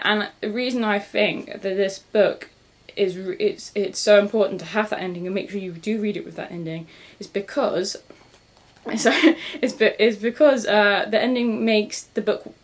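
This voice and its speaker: A woman's voice: medium pitch, normal speed. A young woman chatting casually about books she read, rambling and correcting herself with frequent laughs. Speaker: book vlogger. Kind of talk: casual book review chat.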